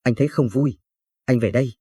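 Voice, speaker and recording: A man's voice: mid-range voice, brisk, warm tone, slightly rough, no room sound, clean studio sound, close to an everyday voice. A man voicing a curt, irritable young husband in a spoken story. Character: young husband, touchy and money-hungry.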